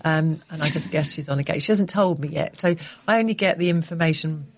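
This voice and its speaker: A woman's voice: low voice, brisk. A middle-aged woman, co-hosting a radio show, chatting, laughing and telling rambling stories. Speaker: radio co-host. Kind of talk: casual radio chat.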